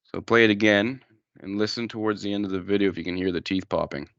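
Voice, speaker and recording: A man presenting an informal educational wildlife slideshow, explaining things in a plain-spoken, halting way. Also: lowish voice, level tone, vocal fry, fairly bright tone, no room sound, dull audio.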